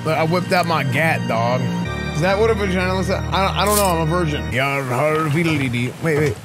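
Higher-pitched man casually streaming a game. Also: a little fast. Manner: goofy, slangy, easily startled exclamations. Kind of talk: casual live gaming commentary. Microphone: boom microphone close up, streaming setup. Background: game music.

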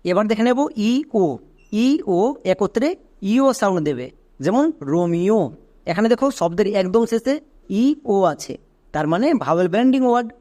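A man teaching English pronunciation in an online phonics lesson, patiently spelling words out letter by letter and checking with quick questions. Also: sits high, animated, a little mellow.

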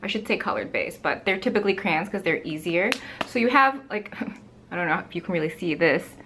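A woman's voice: lowish voice, animated, brisk, bright, forceful tone, a little hiss or hum. A woman in her thirties chatting casually through a makeup review, with lots of fillers and gushing asides, recorded at home by a camera in front of her. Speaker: beauty vlogger. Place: bright home room with plants.

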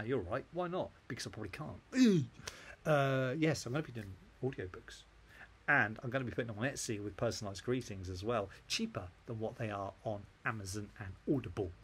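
A man's voice: mid-range voice, a bit bright, husky. An English man and author talking in a casual, profane, joking vlog monologue. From England.

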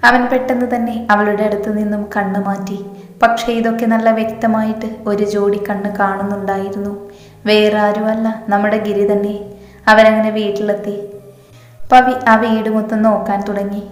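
A woman narrating a romantic story and reading the characters' lines herself in a near-level voice. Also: medium pitch. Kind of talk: scripted story narration with acted dialogue. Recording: echoey room with long reverb.

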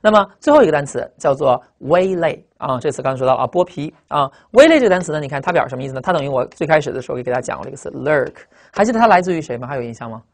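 A vocabulary teacher, delivering a recorded lecture at a rapid clip. The speech is emphatic and punchy, with drawn-out particles closing many phrases. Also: mid-range voice, lively intonation, vocal fry.

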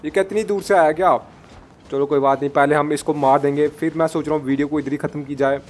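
Man, gameplay commentary, excitable, shouts mid-fight, fairly high pitch. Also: fast, slight background noise. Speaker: gameplay streamer. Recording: loud game music behind voice. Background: loud game music.

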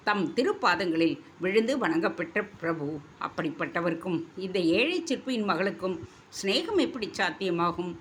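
A woman voicing a proud young female dancer who speaks with hurt, sharp indignation. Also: lowish voice, slight background noise. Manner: indignant, sharp, tearful reproach. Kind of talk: storybook reading.

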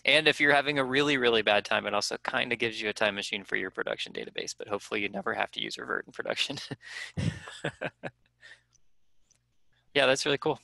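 A man casually explaining database practices to a presenter on a video call, relaxed and enthusiastic. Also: mid-range voice, a little fast, gravelly, long pauses, no echo, rough recording. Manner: relaxed, enthusiastic, restarts often. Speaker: developer helping a presenter.

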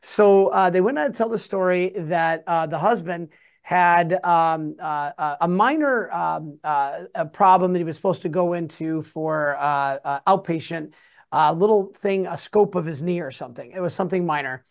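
Halting, storytelling priest, a man. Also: fairly high pitch, creaky, clear, resonant tone. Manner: halting, with many fillers and restarts. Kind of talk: animated storytelling in a chat.

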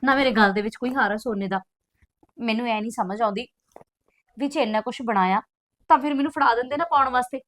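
An actress playing a discontented young bride who insistently complains and demands things. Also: female voice, fairly high pitch, quick pace, pauses often, a bit bright, echoey room, natural voice. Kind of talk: village family drama acting.

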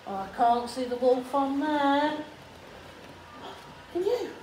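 A woman reading a picture book aloud to a young child in a slow, sing-song way, pausing for simple prompting questions. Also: high voice, lively intonation, a little mellow. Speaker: teaching assistant reading with a pupil. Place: indoors in a school room, at a table. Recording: roomy echo, clear room noise.

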